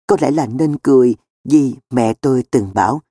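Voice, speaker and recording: Mellow male storybook narrator. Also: medium pitch, moderate pace, husky, no echo, clean studio sound. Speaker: audiobook narrator. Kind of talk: scripted narration.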